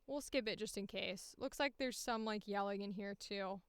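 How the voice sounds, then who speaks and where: Working through auditions, this voice actor and streamer keeps up a casual, playful chat with herself and her livestream, humming sing-song fillers along the way. She speaks at a normal speed in a medium pitch, her tone clear and resonant with no echo.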